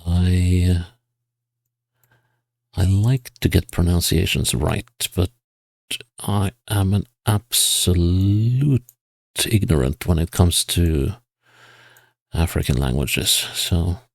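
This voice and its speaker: Slow, gravelly man musing over a game. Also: sits low, no room sound. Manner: musing, reads signs and place names aloud. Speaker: GeoGuessr player. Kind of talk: casual gameplay commentary.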